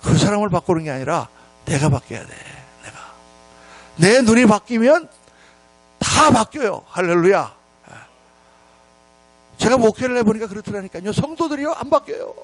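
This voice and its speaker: Animated Korean pastor preaching. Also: male voice, high voice, normal speed, long pauses. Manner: animated, scolding then humorous anecdotes. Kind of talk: revival sermon with storytelling. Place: church sanctuary.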